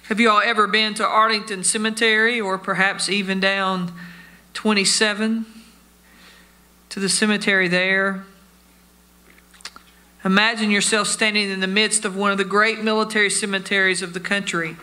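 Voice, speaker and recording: A man's voice: sits high, flat delivery, moderate pace, long pauses, sharp tone. A man preaching a sermon, telling stories and addressing his listeners as friends. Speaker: pastor.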